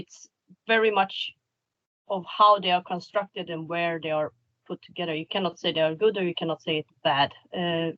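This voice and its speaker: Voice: medium pitch, fairly bright tone, no room sound. Guest answering over a muffled call. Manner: halting, searching for words. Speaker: panel guest answering a question.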